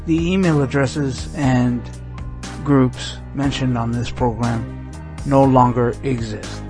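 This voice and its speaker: A man reading a scripted announcement in a slow, deliberate way. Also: medium pitch, steady tone, darkish tone, faint music behind.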